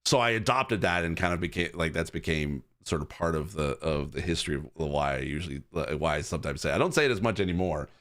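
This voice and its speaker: A man's voice: rumbling low, fast talker, hardly any pauses, a bit bright. A man hosting a live stream, chatting casually with lots of fillers and restarts. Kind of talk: casual rambling commentary.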